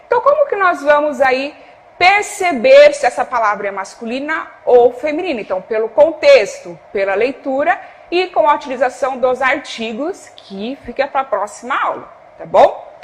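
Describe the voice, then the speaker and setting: A woman's voice: high voice, very animated, moderate pace. A woman with a Brazilian Portuguese accent teaching a televised Spanish lesson. She checks in with the class often and gives cues to a producer off camera.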